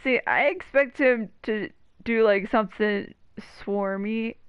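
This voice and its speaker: A woman with a voice on the high side streams a video game, joking casually as she plays and speaking slowly. The lo-fi sound from her stream mic carries game music and slight background noise.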